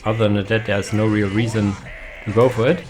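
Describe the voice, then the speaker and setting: A man's voice: on the low side, level tone, brisk, music in the background. A young man giving casual, hesitant commentary on a strategy game match, with many fillers and restarts. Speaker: caster.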